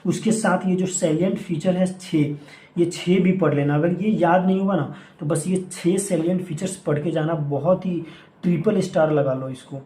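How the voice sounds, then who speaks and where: A young man runs a casual exam-prep lesson and keeps repeating what must be read. His voice sits a little high and sounds mellow rather than bright. The room around him rings with echo. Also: moderate pace, slight background noise. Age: young adult. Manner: repetitive, urgent instructions; mixes English phrases into Hindi speech. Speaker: exam coaching teacher. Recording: echoey room.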